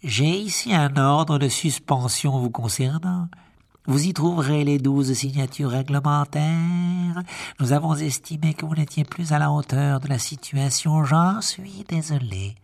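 A man's voice: a little high, a little slow, pitched above the performer's own voice. Lucius Malfoy, a man doing a silky, sneering aristocrat. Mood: menacing. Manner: silky, mocking, smooth-spoken. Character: cold, scheming aristocratic man.

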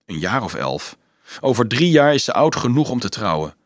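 A calm, self-assured young student in a read-aloud storybook, measured and unhurried, as a male narrator puts him on. His voice keeps a lively melody, and the sound is dry and close. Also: mid-range voice, no room sound.

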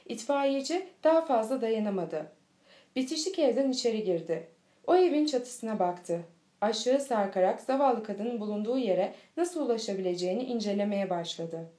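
A woman's voice: fairly high pitch, lively intonation, moderate pace, warm tone. Woman reading a storybook aloud. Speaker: audiobook reader. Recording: echoey room.

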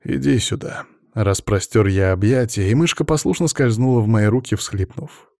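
A man narrating a first-person story as an audiobook in a measured storytelling manner. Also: on the low side, animated, warm tone, no echo, clean studio sound.

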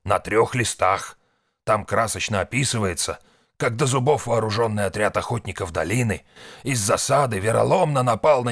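A man's voice: mid-range voice, gravelly, fairly bright tone, dry recording, clean studio sound, pitched above the performer's own voice. A man voicing a shrewd, weary old man who speaks grimly and curtly. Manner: grim, curt.

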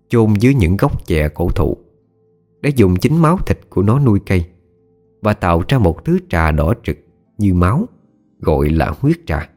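A man's voice: low-pitched, a little mellow. A man giving scripted, dramatic narration of a horror story. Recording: faint background music.

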